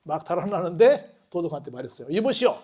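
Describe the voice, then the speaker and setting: High-voiced animated Korean pastor. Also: male voice, fairly quick. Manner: call-and-response questions, animated storytelling. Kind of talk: sermon. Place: church sanctuary.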